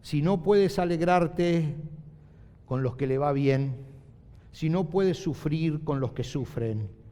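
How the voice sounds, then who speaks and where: A middle-aged male pastor preaching a sermon, emphatic, repeating key phrases and slowing down to stress them. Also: a little high, warm tone. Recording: long hall reverb.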